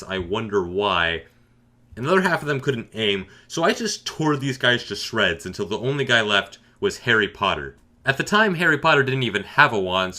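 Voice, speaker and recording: A man telling a comic story as a YouTuber, animated, with dry sarcastic asides. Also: mid-range voice. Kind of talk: comedic storytelling.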